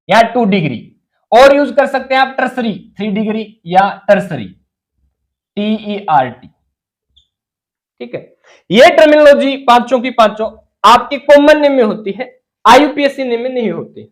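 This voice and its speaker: In a rough recording, a man with a very high-pitched voice lectures on chemistry. He poses questions to the class and answers them himself, slipping English terms into his explanations.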